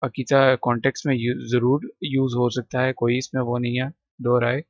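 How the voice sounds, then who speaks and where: A man explains English vocabulary, repeating words to fix their pronunciation. His voice sits at an ordinary middle pitch. The recording is dry and a little dull, with no room sound. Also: flat delivery, moderate pace, dry recording. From Pakistan. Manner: says "ठीक है" between points. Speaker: English teacher. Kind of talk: textbook vocabulary lesson.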